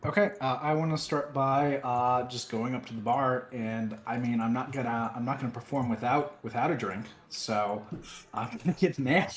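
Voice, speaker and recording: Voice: medium pitch, moderate pace. A player in a casual tabletop game, talking hesitantly with many fillers. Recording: roomy sound, faint music.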